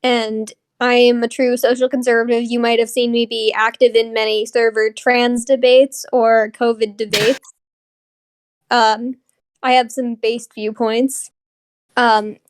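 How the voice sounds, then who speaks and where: A young woman gives a casual debate speech as a candidate. Her voice sits fairly high and stays quite flat, recorded close and dry without room sound. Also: clear, resonant tone, no room sound.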